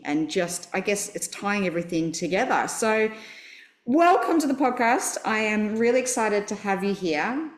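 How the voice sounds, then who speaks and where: An Australian woman hosting a podcast, chatty and enthusiastic as she introduces her guest. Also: medium pitch. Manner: enthusiastic, chatty, laughs easily. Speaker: podcast host. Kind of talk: friendly interview introduction. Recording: roomy echo.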